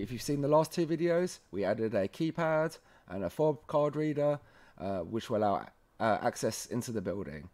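A man with a mid-range, somewhat dark voice walks viewers through an installation tutorial. He keeps it informal and casual, talking straight to the audience and calling them "guys."

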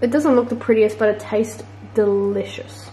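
A young adult woman, a vlogger, chats casually to a handheld camera held close to her face in a small room at home. Her voice is a little high, with some background noise behind it. She talks quickly and chattily, often trailing off into quiet asides.

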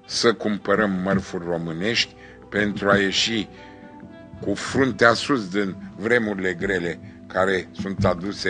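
A man's voice: lowish voice, pushed and bright. A man hosting a TV talk show, effusive and emphatic, heaping praise on his guest.

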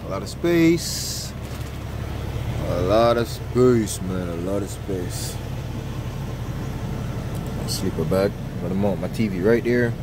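An upbeat trucker vlogs from inside his sleeper cab, giving a casual tour and cooking show while chatting, laughing often, and offering sing-song greetings. His lowish voice is expressive, slow, and full of long pauses. It's filmed on a handheld phone camera, with engine and AC hum filling the noisy cab.

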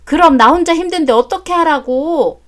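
A woman's voice: sits high, normal speed, pitched above the performer's own voice, natural voice. A woman voicing a brash, greedy older mother-in-law who talks bluntly and coarsely in a story drama. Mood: scolding. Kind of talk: story drama read aloud.

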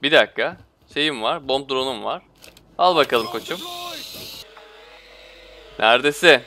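A man's voice: medium pitch, measured pace, sharp tone, slight background noise. A man commentating his own shooter gameplay, switching between frustrated outbursts, muttering to himself and slangy trash talk at opponents. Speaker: gaming streamer.

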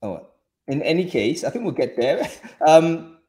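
A man's voice: a little high, sing-song, measured pace, a little mellow. A man hosting a live video-call panel, friendly and chatty, with frequent restarts and fillers, speaking into a headset from a home office. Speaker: host. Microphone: over-ear headset on a video call.

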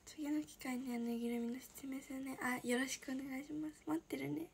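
An 18-year-old woman from Shizuoka, Japan, chatting casually on a livestream and answering viewer comments, often slipping into a soft breathy whisper. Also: high-pitched, fairly even intonation, fairly quick, slight background noise. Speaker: idol livestreamer.

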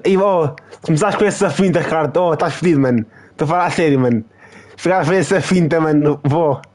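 A young man with a European Portuguese accent, live-streaming a football game in excitable, trash-talking casual chatter that repeats itself. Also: on the high side. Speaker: gaming streamer.

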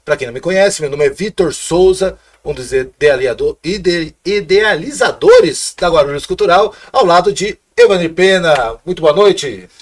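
High-voiced enthusiastic male podcast host. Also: lively intonation, moderate pace, few pauses. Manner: enthusiastic, gesturing, calls on viewers. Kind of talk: upbeat podcast hosting. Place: small podcast studio. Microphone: desk microphone.

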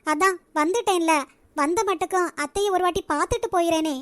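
A very high, close and dry voice for a meek young college girl in a cartoon, voiced by a woman. She speaks softly and apologetically, with a pleading tone and a Nagercoil Tamil accent. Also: brisk, no room sound. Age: young adult. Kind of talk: cartoon voice acting.

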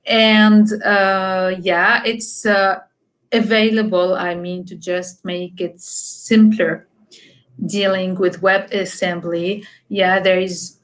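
A woman's voice: medium pitch, little pitch movement, slow, low-quality recording. Young woman giving an online tech talk. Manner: explanatory, many fillers and "okay?" check-ins. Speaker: conference speaker. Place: home room, video call.

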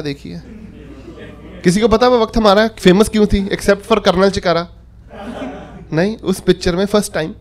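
A stand-up comedian in his thirties tells animated stories on a comedy club stage, handheld mic in hand, acting out quotes in different voices. His voice is high, and live audience laughter can be heard.

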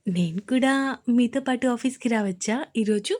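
A woman's voice: on the high side, normal speed, warm tone, lightly acted. A woman voicing a playful young wife in a romance audio story, coaxing and pouting at her husband.

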